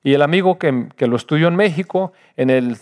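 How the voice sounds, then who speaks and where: An older man, a pastor giving an earnest personal testimony in a sermon, his voice swinging from loud to hushed. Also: on the high side, a little fast.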